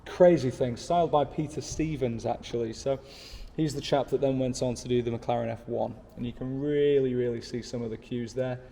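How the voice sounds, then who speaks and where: A man's voice: mid-range voice, fairly even intonation, moderate pace, creaky, warm tone, in a large hall. A man in his thirties, talking casually to camera from his desk, enthusiastic and rambling with asides. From United Kingdom. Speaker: car channel host. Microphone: small pocket camera.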